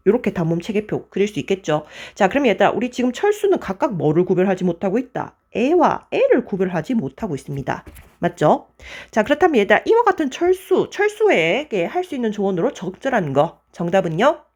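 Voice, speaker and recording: A woman teaching an exam-prep grammar lecture, moving briskly through answers and checking in with her students again and again. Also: medium pitch, sing-song, darkish tone.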